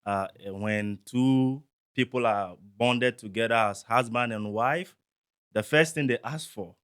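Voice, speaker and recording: A man from Ghana, a parent and guest, explaining calmly with examples in a discussion. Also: medium pitch, measured pace, smooth.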